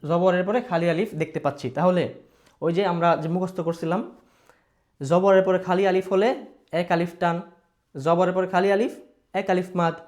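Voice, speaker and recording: A man with a Bangladeshi Bengali accent teaching a Quran recitation lesson, patiently repeating rules, asking his pupils questions and modelling long drawn-out sounds. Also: sits high, fairly even intonation, a little mellow.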